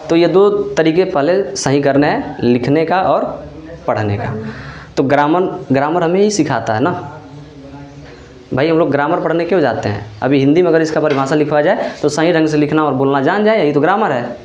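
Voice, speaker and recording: A man teaches in a classroom with a somewhat high voice. He sounds out each letter slowly and keeps asking his listeners if they follow. The room echoes around him. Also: a little mellow, dull audio. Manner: drills letter sounds slowly, checks with "ठीक है?". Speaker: teacher trainer. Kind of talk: classroom lesson.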